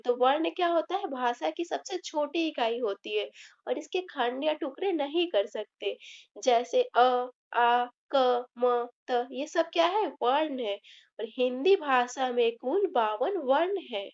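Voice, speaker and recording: A woman's voice: sits high, expressive, slow. A woman teaching a grammar lesson, asking questions and answering them herself. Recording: slightly dull lo-fi recording.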